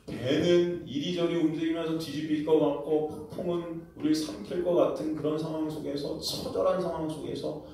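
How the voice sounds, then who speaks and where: Animated preacher in an echoey hall. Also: male voice, fairly high pitch, fairly quick, hardly any pauses, a little hiss or hum. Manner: animated storytelling, acting out quotes, asking the congregation questions. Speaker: pastor. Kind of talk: sermon. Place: church sanctuary. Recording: very echoey church hall, mic at a distance.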